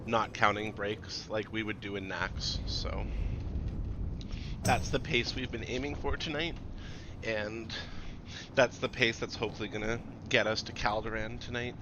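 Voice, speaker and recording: A man leading a raid group over casual gaming voice chat, relaxed and swearing freely as he organizes everyone. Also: lowish voice, unhurried, noisy background. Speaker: raid leader and streamer.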